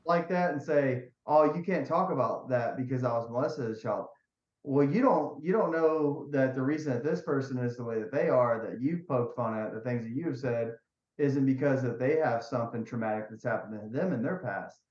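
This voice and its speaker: A man's voice: medium pitch, moderate pace, a little mellow. A man co-hosting a podcast in casual chat, blunt and rambling, often repeating himself. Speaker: podcast co-host. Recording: echoey, dull lo-fi room sound.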